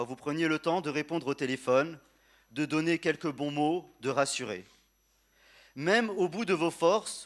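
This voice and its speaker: A man delivers a prepared funeral eulogy addressed to the deceased, in solemn, measured and tender oratory with repeated phrases and quiet grief. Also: fairly high pitch.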